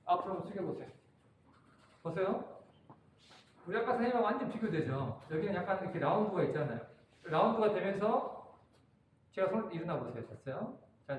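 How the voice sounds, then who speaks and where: Male workshop instructor, high voice, directive coaching style, echoey room recording. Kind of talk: hands-on workshop demonstration. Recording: very echoey room, faint room noise.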